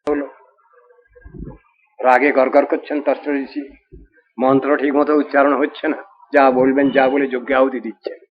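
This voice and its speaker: A man's voice: mid-range voice, flat delivery. Man giving a devotional storytelling sermon. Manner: storytelling, chants Sanskrit verses slowly. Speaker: preacher. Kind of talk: devotional scripture discourse. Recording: dull lo-fi recording.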